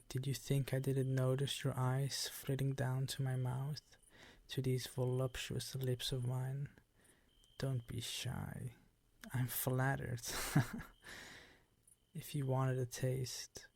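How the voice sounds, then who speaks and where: Voicing a predatory vampire count in an ASMR roleplay, a man speaks in formal, teasing, commanding phrases, breathy and often close to a whisper, possessive throughout. His medium-pitched voice is flat, slow, and darkish in tone with no echo, and the mood feels teasing and hungry.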